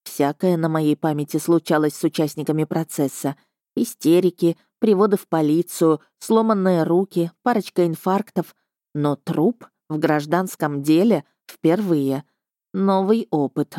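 A woman's voice: sits low, warm tone, no room sound. A woman reading a first-person story aloud with a wry, dry tone. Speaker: audiobook narrator. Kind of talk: scripted first-person narration.

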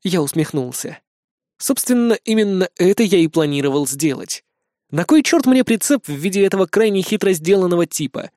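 A man reading a first-person audiobook on a close mic, declaiming rousing speeches within steady narration. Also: high-pitched, brisk, no echo.

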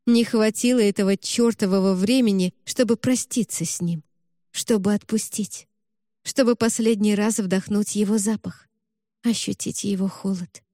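A woman reading a novel aloud with an expressive, emotional delivery. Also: medium pitch, moderate pace, dry recording, studio quality. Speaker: narrator. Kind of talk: audiobook narration.

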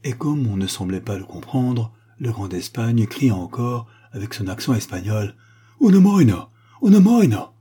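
A man reading a novel aloud as audiobook narration, measured and storytelling. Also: on the low side, warm tone, husky. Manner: measured storytelling with acted quotes. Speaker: audiobook reader. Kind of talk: scripted narration.

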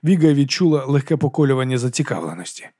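A man narrating an audiobook in a steady, even storytelling manner. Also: mid-range voice, fast talker, dry recording, studio quality. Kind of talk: scripted narration.

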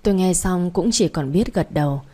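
A woman narrating a story in the first person, in a calm, even storytelling manner. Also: lowish voice, normal speed, husky.

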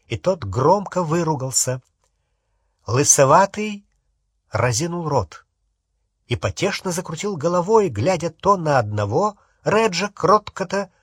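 A man narrating an audiobook in an unhurried, expressive storytelling manner. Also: a little high, breathy edge, no room sound, clean studio sound. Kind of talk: audiobook reading.

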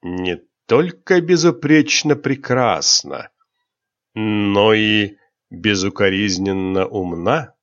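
A man's voice: slow pace, lo-fi sound. Man reading as a charming foreign prince. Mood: courtly. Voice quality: soft pleasant baritone. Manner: courtly and flattering. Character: confident young foreign prince, charming and curious.

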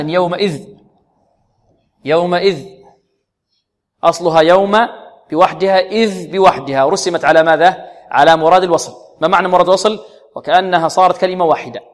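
Male recitation teacher with a slightly high voice, drawing out each syllable for students; long hall reverb. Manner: drills pronunciation slowly, repeating syllables and asking students questions. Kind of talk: tajweed lesson.

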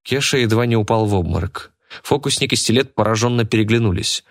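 A man reading an adventure audiobook aloud, steady and expressive. His voice sits on the low side. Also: fast. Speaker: audiobook narrator. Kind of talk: scripted narration.

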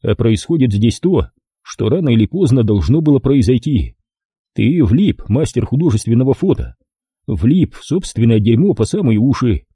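A man doing a gruff, mocking detective in an audiobook, low and unhurried, with cool menace in every word. The voice is dark and husky, recorded close and dry. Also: animated, dry recording. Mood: menacing. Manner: slow, menacing, sarcastic. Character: gruff tough male ex-investigator detective, mocking.

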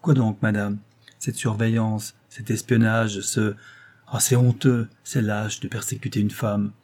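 A man's voice: fairly low pitch, flat delivery, a little slow, a little mellow, lightly acted. A man voicing a proud, angry young wife who was once an actress, in an audiobook of a novel, with indignant, defiant outbursts.

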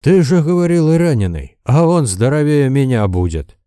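A man doing a gruff bearded old villager. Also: on the high side, sing-song, normal speed, mellow, no room sound, studio quality, voice pushed up. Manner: gruff, blunt, folksy.

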